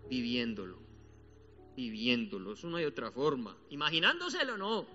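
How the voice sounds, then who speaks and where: A man with a Colombian accent preaching a sermon as a pastor, colloquial and animated, acting out quotes as he tells stories. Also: medium pitch, normal speed. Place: church. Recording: church hall reverb, dull sound, soft music behind.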